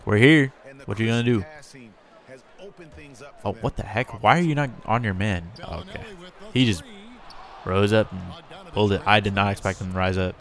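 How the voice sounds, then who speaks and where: A man hosting a casual gameplay commentary, chatty and talking straight to his in-game players, with bursts of excitement. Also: fairly low pitch, moderate pace, long pauses. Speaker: gamer and channel host.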